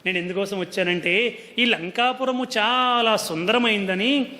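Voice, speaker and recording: A man's voice: sits high, a little slow, bright, forceful tone. A man telling a sacred story as a religious discourse, explaining earnestly and coaxing his listeners, sometimes chuckling. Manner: explains earnestly, often coaxes listeners with "andi". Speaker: devotional storyteller. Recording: long hall reverb.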